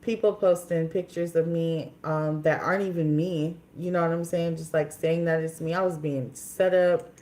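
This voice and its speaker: A woman's voice: low voice, steady tone, moderate pace, few pauses, dark tone. A woman in her twenties from Minnesota, chatting casually on a livestream in a candid, rambling way with many fillers and restarts. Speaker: livestream host.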